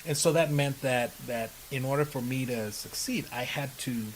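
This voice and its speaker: Speaking at medium pitch and a moderate pace, the Bahamian guest, a middle-aged personal development speaker, answers interview questions emphatically and often checks in with a quick question. The recording is rough, with a constant hiss underneath.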